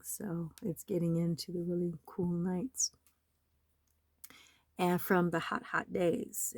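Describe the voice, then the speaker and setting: A hoarse woman with a slight cold, talking in a rambling, aggrieved and urgent way in a home vlog. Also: lowish voice, warm tone, no room sound. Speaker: nonprofit website owner. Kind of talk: screen-recorded vlog. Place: home in the desert.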